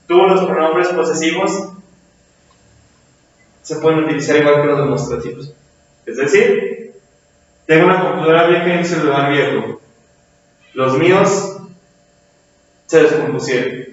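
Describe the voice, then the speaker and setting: A man with a Mexican accent teaching a grammar lesson to a class, often checking with "right?" tag questions. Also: a little high. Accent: Mexican Spanish. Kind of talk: classroom lecture, also filmed for viewers at home. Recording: very echoey room, far from the mic, dull sound.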